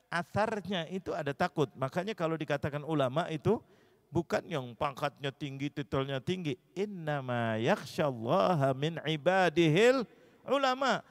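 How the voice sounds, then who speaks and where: A man's voice: on the high side, no room sound, long reverb tail. A man preaching a sermon, asking rhetorical questions and answering them himself, and reciting Arabic verses.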